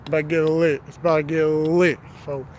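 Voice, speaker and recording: A man's voice: a little high, little pitch movement, a little fast, a little mellow, lo-fi sound, a little hiss or hum. A young man vlogging in casual chat, out of breath, rambling and repeating himself constantly.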